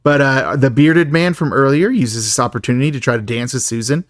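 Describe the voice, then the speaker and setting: Man, podcast co-host, casual jokey film recap, laughs a lot, mid pitch, dry recording. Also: fairly quick, no room sound. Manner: chatty, jokey, laughs often. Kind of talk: casual chat.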